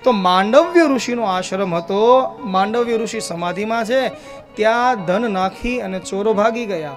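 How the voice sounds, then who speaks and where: Man, Gujarati accent, devotional storyteller, high voice, soft instruments behind. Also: unhurried, faint music behind. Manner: chanting verses, then narrating with voiced dialogue. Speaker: religious storyteller.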